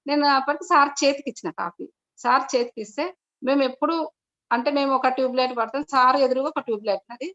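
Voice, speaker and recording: Fast-talking woman, rambling. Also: sits high, fairly bright tone. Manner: rambling storytelling, restarts often, keeps addressing "sir". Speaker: meditation practitioner sharing her experience. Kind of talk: personal testimony told to an online meeting. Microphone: video call. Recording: dull lo-fi video call audio.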